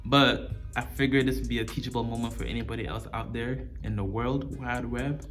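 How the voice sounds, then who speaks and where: A man's voice: medium pitch, fairly even intonation, brisk, over music. A man talking casually and off the cuff to his viewers as a channel host, in informal street slang, repeating words for emphasis. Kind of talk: casual off-the-cuff talk to camera.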